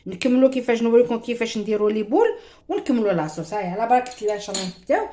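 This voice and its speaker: A woman's voice: on the high side, lively intonation, racing, mellow, a little hiss or hum. A woman with an Algerian Arabic accent gives a chatty home cooking demonstration, talking straight to her viewers and mixing in French words. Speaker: cooking show host.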